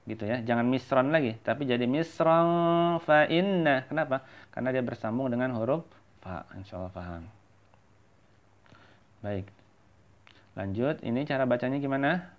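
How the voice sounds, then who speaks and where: A man teaching Quran recitation. He chants verses slowly, then explains them quickly in a softer voice. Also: mid-range voice. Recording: tinny phone-like audio.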